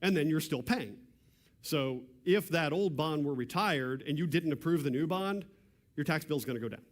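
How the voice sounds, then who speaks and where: Throat-clearing man. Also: a little high, normal speed. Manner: frequent throat clearing, conversational. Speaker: property tax presenter. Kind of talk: public seminar talk. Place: church hall. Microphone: handheld or stand mic, cutting out at times.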